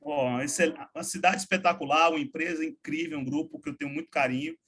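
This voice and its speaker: A man talks as a lively interview guest. His voice sits a little higher than most men's, and his speech is casual and full of slang. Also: quick pace, gravelly, a little hiss or hum. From Salvador, Bahia, Brazil. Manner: energetic, informal, frequent slang. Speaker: guest, logistics startup founder. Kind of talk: relaxed interview talk.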